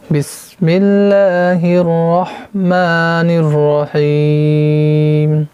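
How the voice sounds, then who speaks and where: A man teaching beginners to read the Quran, explaining patiently and reciting letters slowly and drawn out. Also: fairly high pitch, darkish tone. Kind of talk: beginner Quran reading lesson.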